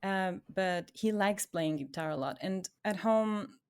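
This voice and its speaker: An Ecuadorian woman co-hosts a podcast, sharing her own story in a casual, chatty way and laughing often. Her voice is medium-pitched, unhurried, clear and resonant, and her phrases tend to trail off quietly at the ends.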